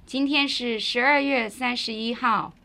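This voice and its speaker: Female lesson reader, high and bright, crisp short answers. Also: steady tone, unhurried. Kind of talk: scripted language lesson dialogue.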